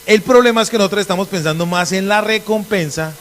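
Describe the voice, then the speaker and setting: A middle-aged pastor, a man from Colombia with an Antioquian accent, preaching a lively sermon and acting out conversations in different voices. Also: high-pitched, fast. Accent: Antioquian Colombian Spanish.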